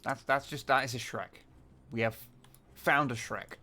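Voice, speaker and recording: A man's voice: medium pitch, a little slow, bright, forceful tone. A man giving casual, rambling, sweary commentary while streaming a video game.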